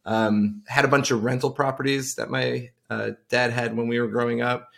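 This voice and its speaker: A middle-aged man from Long Island, a tech entrepreneur guesting on a podcast, speaks at a moderate pace with medium pitch and a level tone. His voice is creaky and a bit bright as he shares informal stories in a conversational interview.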